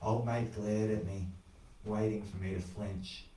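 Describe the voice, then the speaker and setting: Man telling a dark horror tale. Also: on the low side, unhurried, a little hiss or hum. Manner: animated, wry, crude storytelling. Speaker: storyteller. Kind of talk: dramatic spoken horror narration. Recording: echoey room, voice far from the mic.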